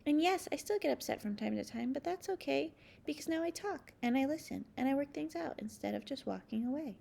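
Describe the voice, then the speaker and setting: A woman reads a children's story aloud in a slightly high voice that frequently slips into creak. She's animated and fairly quick, with a dark tone, hitting key words with dramatic emphasis like a storybook reader.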